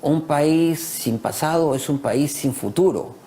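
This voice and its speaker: This Peruvian man's voice is a little high, slow and mellow, colored by a Peruvian Spanish accent, as he guests on a talk show. He speaks with pride and emphasis, repeating phrases to press his arguments in the heated discussion; a little hiss or hum is audible.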